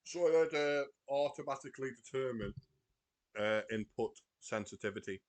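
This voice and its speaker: A man's voice: medium pitch, moderate pace. A British man hosting a casual podcast, talking in a loose, rambling way with cheerful swearing. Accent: British English. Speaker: podcast host reading stories. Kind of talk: casual chat.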